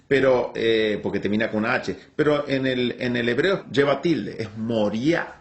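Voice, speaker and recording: A man preaching and teaching from the Bible, explaining the text in a deliberate, expressive way. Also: medium pitch.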